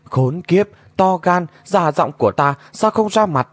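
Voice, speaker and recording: A man voicing a mysterious shape-shifting mimic who taunts in a shrill, mocking voice. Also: animated, a little slow, no echo. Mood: mocking taunting.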